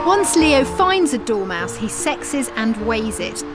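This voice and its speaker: A woman's voice: a little high, big pitch swings, slow pace, music in the background. A woman reading scripted narration for a nature documentary as a reporter.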